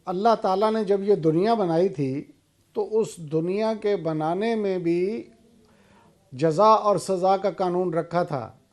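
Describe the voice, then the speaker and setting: Slow, high-voiced Pakistani man. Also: darkish tone. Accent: Pakistani Urdu. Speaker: political guest. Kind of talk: talk show debate.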